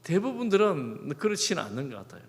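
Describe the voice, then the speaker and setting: A middle-aged man preaching to his congregation, his fairly high voice swinging up and down with lively expression. He acts out the quoted prayers in shifting tones, and the sound carries a long church reverb. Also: fast. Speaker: pastor. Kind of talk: sermon. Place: church sanctuary.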